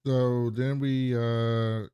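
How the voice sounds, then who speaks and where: A man's voice: medium pitch, level tone, extremely slow, warm tone, clear, resonant tone, no echo, studio quality. A man co-hosting a podcast, recapping scenes in casual chat and often laughing as he talks. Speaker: podcast co-host.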